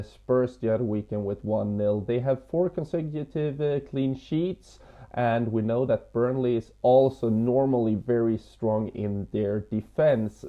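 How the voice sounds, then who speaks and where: A man giving football betting tips as an expert tipster, with a hesitant, halting delivery. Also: medium pitch. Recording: slightly dull lo-fi audio.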